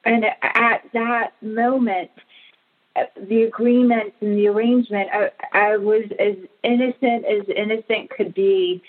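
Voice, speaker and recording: A woman from Pakistan, a guest in an interview, telling her life story in a slow, earnest, reflective way. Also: medium pitch, fairly even intonation. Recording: phone-like narrow audio.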